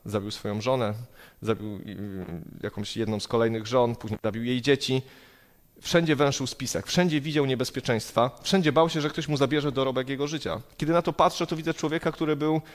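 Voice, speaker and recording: A man's voice: medium pitch, brisk. A man preaching a sermon, earnest and emphatic, building his points through repetition. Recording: long hall reverb.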